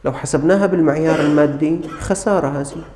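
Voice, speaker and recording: A man delivers an earnest sermon, calling out to his brothers in the congregation. His voice sits a little high but has a mellow, warm tone. Long reverb from a large hall trails behind every phrase. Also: quick pace. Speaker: preacher. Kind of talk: sermon with storytelling.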